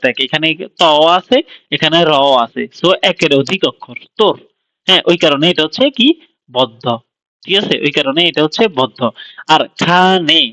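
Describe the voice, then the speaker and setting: A man's voice: on the high side, bright, forceful tone, no echo, poor audio. A young man casually tutoring a friend, sounding out syllables and often checking that he follows. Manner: informal, repeats and sounds out syllables slowly, keeps checking understanding. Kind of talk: casual one-on-one explanation.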